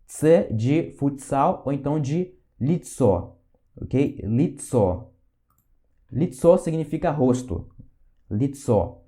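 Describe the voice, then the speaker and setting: Brazilian teacher with a mellow voice. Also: male voice, medium pitch. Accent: Brazilian Portuguese. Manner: patient, reassuring, checks in with "ok?" and "tá?". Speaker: Russian language teacher. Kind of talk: online language lesson.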